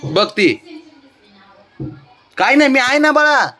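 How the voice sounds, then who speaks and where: A man murmuring baby talk to an anxious pet, his voice rising and falling freely from low hums to bright coaxing calls. He keeps it gentle and patient, repeating the same calm reassurances again and again. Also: slow pace. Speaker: pet owner vlogger.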